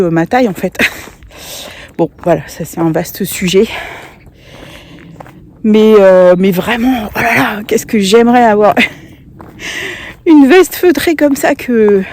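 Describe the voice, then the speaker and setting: A woman's voice: medium pitch, a little mellow, slight background noise. A woman chatting casually in a craft vlog, hesitant with many fillers and small laughs. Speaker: craft vlogger. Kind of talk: casual knitting vlog chat. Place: outdoors on a walk, sunny day.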